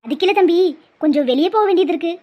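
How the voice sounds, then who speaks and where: A woman gives voice to a middle-aged cartoon mother, stubborn and emotional, who begs and guilt-trips with melodrama. Her delivery is very fast and very high-pitched with lively intonation, and the audio is muffled and lo-fi.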